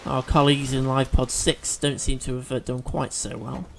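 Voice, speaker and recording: Gravelly man narrating gameplay. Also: mid-range voice, fairly even intonation, moderate pace, a little hiss or hum. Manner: chatty, thinking aloud with fillers and restarts. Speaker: let's play host. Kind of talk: gameplay commentary.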